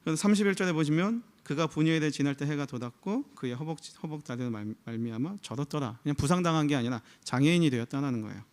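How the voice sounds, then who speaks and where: A man's voice: on the high side, fast, few pauses, darkish tone. A male pastor, likely in his thirties, giving a conversational sermon full of rhetorical questions. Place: church.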